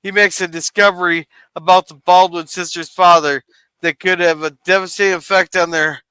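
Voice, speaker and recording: Bright, high-voiced man hosting a stream. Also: fairly even intonation, moderate pace, clean tone, dry recording, poor audio. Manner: loose and chatty, reads out viewer comments. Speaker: podcast host. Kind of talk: casual live-stream chat.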